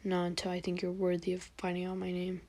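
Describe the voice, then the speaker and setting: A woman's voice: fairly low pitch, completely flat delivery, fast, a little mellow, lightly acted. A woman voicing an aloof mysterious spirit mentor. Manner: curt, dismissive.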